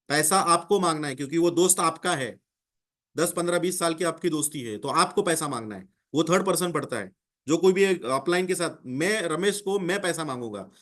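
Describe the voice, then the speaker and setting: High-voiced man coaching sales pitches. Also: animated, a little fast, fairly bright tone. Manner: coaching, acts out sample dialogues with prospects. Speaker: sales trainer. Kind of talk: training lecture.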